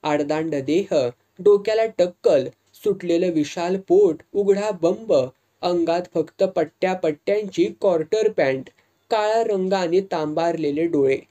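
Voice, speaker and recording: A narrator reading a serialized novel aloud in measured, first-person storytelling. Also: male voice, high voice, warm tone. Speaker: audiobook narrator.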